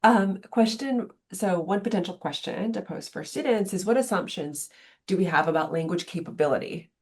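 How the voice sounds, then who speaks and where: A woman moderating an online workshop, relaying a question in a measured way. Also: fairly low pitch, darkish tone.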